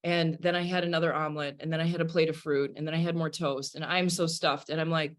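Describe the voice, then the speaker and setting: A woman's voice: deep voice, fast talker. Storytelling woman jazz singer from Wisconsin. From Wisconsin, USA. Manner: lively anecdotal, acts out quotes. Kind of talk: storytelling in an interview.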